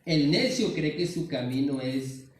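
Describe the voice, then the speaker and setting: Northern mexican guy preaching, kinda high voice, super echoey church hall, mic a bit far off. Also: expressive, a little slow. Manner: earnest, keeps calling listeners "hermano". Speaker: pastor. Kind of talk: sermon. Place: large church sanctuary.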